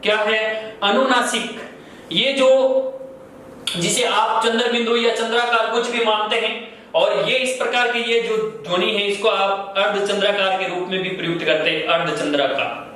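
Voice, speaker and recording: A man's voice: sits high, steady tone, moderate pace, bright, forceful tone. A man teaching a grammar class, who asks questions and answers them himself, repeating key terms. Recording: very echoey room, far from mic, faint noise.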